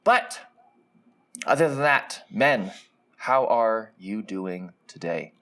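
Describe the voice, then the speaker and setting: A man from Hawaii with a Hawaiian accent, co-hosting a casual podcast in a relaxed, friendly way with local slang. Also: fairly low pitch, slow pace. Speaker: co-host.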